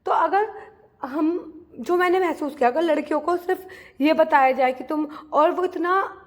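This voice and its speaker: With a high-sitting voice at a moderate pace, a young Indian vlogger preparing for a teaching exam addresses her viewers casually and earnestly. Fillers and restarts come up often as she talks.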